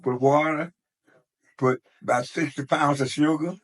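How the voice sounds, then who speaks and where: A man in his nineties tells his grandson stories in a casual, rambling way, often repeating words and starting sentences over. His voice sits a little high, with fairly even intonation and a slightly slow pace.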